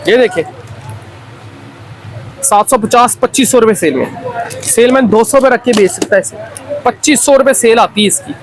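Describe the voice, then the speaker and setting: A Pakistani man pitches wholesale goods in a high-set voice. His delivery is an off-the-cuff hard sell that insistently repeats itself. Light urban noise with traffic sits behind him. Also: moderate pace, long pauses, low-quality recording. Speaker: wholesale toy seller presenting stock.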